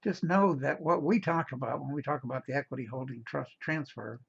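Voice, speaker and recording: A man with a gravelly voice, speaking casually with many fillers and restarts as he invites listeners to a real estate seminar. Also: medium pitch, fairly quick, lo-fi sound. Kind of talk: casual spoken invitation and pitch.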